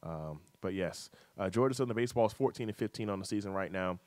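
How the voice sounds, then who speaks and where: A man's voice: lowish voice, quick pace, a little mellow, no echo. A man hosting a casual sports talk radio show, reading out scores and schedules with fillers and teasing his co-host.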